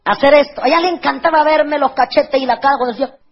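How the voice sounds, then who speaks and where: High-voiced impassioned woman preacher. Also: fast talker. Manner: impassioned, emotional storytelling with frequent outbursts. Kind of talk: testimony sermon. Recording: dull lo-fi recording.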